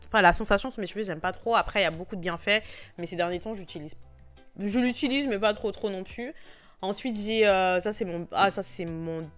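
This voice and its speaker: A woman's voice: medium pitch, a bit bright. A woman, chatting casually about hair products, often stumbling over words and restarting. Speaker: beauty vlogger.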